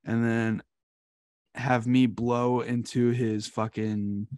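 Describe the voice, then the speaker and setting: A man in his twenties hosting a podcast, telling stories in casual chat with lots of swearing and animated delivery. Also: mid-range voice, slow pace, dry recording, clean studio sound. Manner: profane, animated storytelling. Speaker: podcast host.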